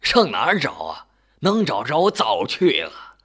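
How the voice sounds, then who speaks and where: A man's voice: mid-range voice, wildly swooping pitch, a little slow, a bit bright, slightly rough, full character voice. A man voicing a puzzled old grandpa. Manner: questioning, exclaiming.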